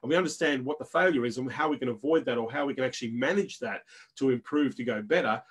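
A man with a Minnesota accent presenting a business webinar, talking fast in punchy lists and tagging lines with "right?". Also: medium pitch, husky.

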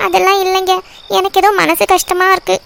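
A young cartoon wife who is homesick but devoted, voiced by a woman. She talks in a soft, pleading way with a very high voice and a quick pace. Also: flat delivery, creaky, heavily acted. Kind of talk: cartoon voice acting.

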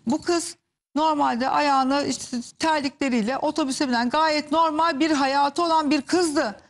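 A woman's voice: high-pitched, fairly even intonation, unhurried. A woman TV commentator giving heated, emphatic gossip commentary and turning to the audience as she speaks. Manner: indignant, emphatic, addresses the audience directly.

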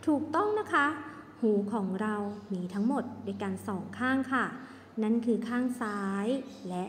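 A woman teaching young children in an online lesson, speaking in a gentle, sing-song way. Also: a little high, lively intonation, normal speed, a little hiss or hum. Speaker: kindergarten teacher. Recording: echoey room with long reverb, faint ambience.

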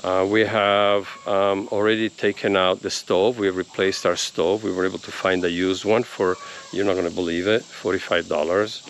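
A man in his fifties, originally from Italy, talks to the camera outdoors on his rural land, holding the phone out at arm's length. His voice sits deep and low, and he rambles in an easygoing way with plenty of ums. A little outdoor hiss sits under the sound. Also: level tone, moderate pace. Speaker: homesteading vlogger. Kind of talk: casual vlog talk to camera.

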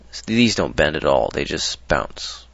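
Brief: deep, gravelly man, loose rambling tutorial delivery, dull dry lo-fi recording. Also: sing-song, unhurried, fairly bright tone, dry recording. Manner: rambling, hesitant, lots of ums and restarts. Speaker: modding tutorial presenter. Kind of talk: casual screen-recorded tutorial.

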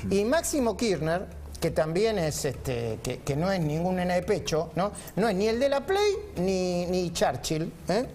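A man's voice: high-pitched, lively intonation, measured pace, hardly any pauses, darkish tone, a little hiss or hum. A man with an Argentine Spanish accent hosting a studio panel, ironic and commanding, giving orders to the crew as he talks. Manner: ironic, directs the producers mid-talk. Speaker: TV panel host. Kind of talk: opinionated studio panel talk. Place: TV news studio.

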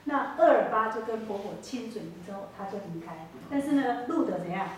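A woman's voice: a little high, animated, brisk, a little hiss or hum. A woman with a Taiwanese Mandarin accent preaching a sermon, retelling a Bible story with many rhetorical questions and hesitant self-corrections. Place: church hall. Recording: echoey hall, distant mic.

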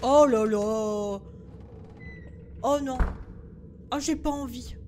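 High-pitched jumpy woman streaming a game. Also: drawn-out words, warm tone, soft background music. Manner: jumpy, exclamatory, talks to herself. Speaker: gaming streamer. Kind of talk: casual live gameplay commentary. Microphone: headset.

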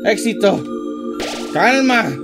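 A young man with a Mexican accent giving excitable let's play commentary, yelping, groaning and talking to viewers. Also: high-pitched, slow pace. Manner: excitable, yelps and groans often, talks to viewers. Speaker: gaming channel host. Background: loud game music.

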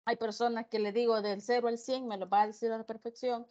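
A woman's voice: on the high side, level tone, fast talker, a little mellow, muffled recording. A woman teaching an English class online, explaining patiently and repeating the numbers. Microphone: video call.

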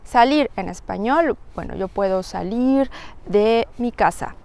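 Slow, careful woman teaching French. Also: mid-range voice, gravelly, a little mellow. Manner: slow, careful, spells words out letter by letter. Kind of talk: language lesson.

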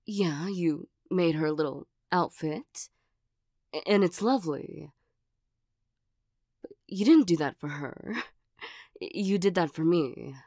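A woman playing a flustered, nervous cat creature in a soft-spoken ASMR role-play, speaking hesitantly with stammers. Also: on the low side, slow pace, long pauses, no room sound, studio quality. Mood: guarded, wry.

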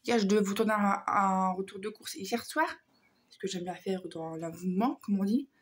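A woman vlogger with a hoarse voice chatting casually through a shopping haul, hesitant and full of fillers. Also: medium pitch, normal speed, a little hiss or hum.

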